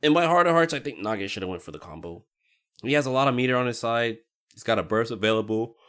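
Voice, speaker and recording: A man hosting a casual match analysis, talking in an excitable, slangy way and laughing often. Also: mid-range voice, fast talker, clear, resonant tone.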